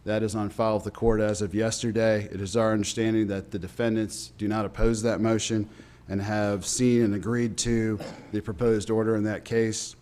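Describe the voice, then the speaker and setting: A man with a voice affected by illness, giving a measured, formal legal briefing as an attorney at a public meeting. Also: lowish voice, level tone, darkish tone. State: under the weather, voice affected by illness. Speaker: county's attorney briefing officials.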